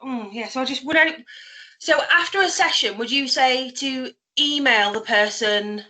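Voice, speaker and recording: Woman, coaching client, high and bright voice, lively and candid, video call. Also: a little slow. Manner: candid and lively, with frank likes and dislikes.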